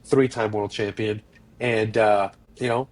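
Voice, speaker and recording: A man's voice: on the low side, fairly even intonation, measured pace. A man co-hosting a podcast in casual debate, challenging the others and pushing back with questions. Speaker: podcast co-host.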